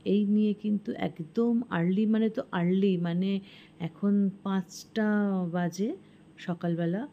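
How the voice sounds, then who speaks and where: A middle-aged woman hosting a home cooking vlog, talking quietly in her kitchen early in the morning while filming on a phone held in one hand. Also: mid-range voice, steady tone, slow, highs cut off. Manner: speaks softly so as not to wake the house. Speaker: cooking vlogger. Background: birds chirping outside.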